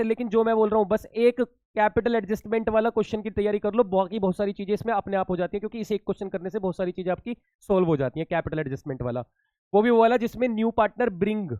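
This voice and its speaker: A man's voice: high voice, darkish tone, no room sound, dull audio. A man teaching commerce students in a casual exam-tips lesson, chatty and reassuring, calling them beta.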